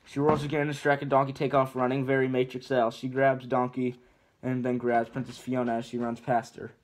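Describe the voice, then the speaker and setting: A man's voice: mid-range voice, completely flat delivery, a little fast, slight background noise. A man casually reading a film script aloud, often stumbling and restarting words. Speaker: script reader. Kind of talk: casual read-aloud narration.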